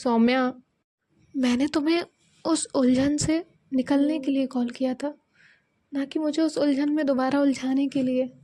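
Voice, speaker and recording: A high-voiced young woman caught up in feelings she keeps hidden, read by a woman narrator. She muses softly and uneasily, and her tone is mellow and warm. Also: fairly even intonation, unhurried, no echo. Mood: uneasy.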